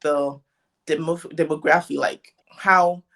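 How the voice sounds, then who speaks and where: A woman's voice: deep voice, fairly even intonation, slow pace, vocal fry, a bit bright. Young woman, interview guest, reflective, restarts often. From Ghana. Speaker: guest content creator. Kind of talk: casual interview chat.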